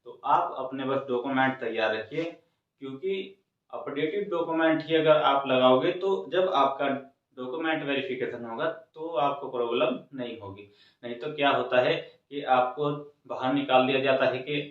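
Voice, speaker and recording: Speaking at a moderate pace with a medium-pitched voice, this male exam coaching host walks students through an informal lesson, driving points home by repeating phrases. Heavy echo, a faraway microphone and dull audio mark the recording.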